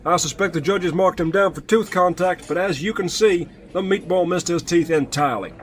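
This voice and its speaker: A man's voice: sits high, normal speed, close to an everyday voice. A British man playing an earnest sports commentator in a comedy sketch, calling an eating contest play by play. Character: male sports commentator Rick, keen and earnest.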